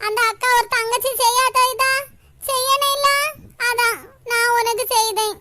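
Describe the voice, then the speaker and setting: A woman's voice: extremely high pitch, steady tone, normal speed, pushed and bright, dry recording. A woman voicing a caring grandmother who looks after her neighbor in a cartoon, talking in a reassuring, motherly way. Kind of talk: cartoon voice acting.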